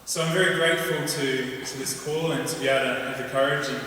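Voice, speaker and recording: Addressing a gathering in a big reverberant venue, a broad-accented New Zealander shares his own story in a bright, forceful, medium-pitched voice with fairly even intonation. He talks casually and somewhat haltingly, picked up by a far-off mic with echo and faint background noise.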